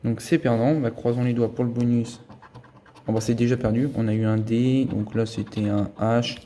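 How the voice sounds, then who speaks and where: He speaks at normal speed in a warm, mid-range voice with a flat delivery, offering easygoing commentary while scratching lottery tickets and checking each symbol and letter. Slight background noise can be heard in this vlogger's clip.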